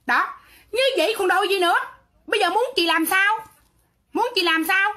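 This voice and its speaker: A woman with a Southern Vietnamese accent ranting into her livestream, her voice very high and piercingly bright. She sounds defiant and sarcastic, and she keeps talking back in a quarrelsome way. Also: moderate pace. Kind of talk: livestream rant.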